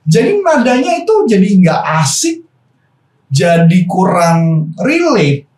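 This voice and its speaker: A man coaching on business calls in a relaxed, explanatory way, slipping in casual slang and English phrases. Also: sits high, takes it slowly. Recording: echoey room from far off.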